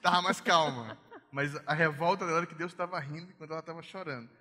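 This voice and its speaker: Man preacher, lively storyteller, bright voice, slightly high, reverberant hall. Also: fast talker. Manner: animated storytelling, acts out voices. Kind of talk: conversational sermon.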